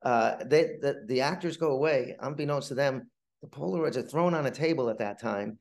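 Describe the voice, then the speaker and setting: This middle-aged man is a playwright giving an interview, recounting anecdotes casually but haltingly, wandering off and repeating words. His medium-pitched voice has a creaky quality.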